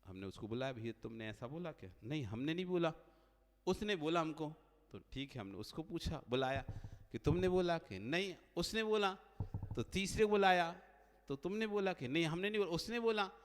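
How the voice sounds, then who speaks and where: Male monk preacher, high voice, lively storytelling sermon with acted dialogue, long hall reverb. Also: moderate pace. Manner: animated storyteller acting out dialogue.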